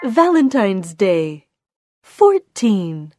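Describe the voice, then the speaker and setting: A woman working as a bingo caller, announcing each call deliberately in short, separate phrases. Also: medium pitch, big pitch swings. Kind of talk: bingo calling with rhyming nicknames, announced number by number. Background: music.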